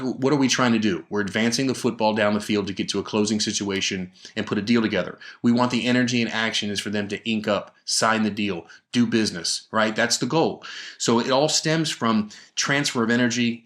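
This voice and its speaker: A man with a lowish, slightly bright voice hosts a solo sales podcast, speaking into a studio microphone with emphatic energy. As a podcast host and sales trainer giving coaching talk, he often restarts sentences and poses rhetorical questions.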